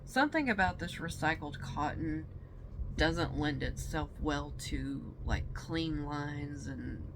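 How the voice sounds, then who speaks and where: A woman talking unhurriedly through a product haul in a low voice. Her tone is folksy and chatty, with a faint hiss in the background. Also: lively intonation, takes it slowly. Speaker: vlogger.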